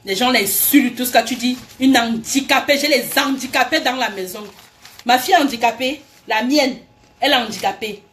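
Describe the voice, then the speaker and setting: A woman's voice: on the high side, a little fast, a bit bright, slight background noise. A woman, ranting heatedly at people she addresses directly, accusing them and repeating herself. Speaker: vlogger. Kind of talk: angry direct-address rant.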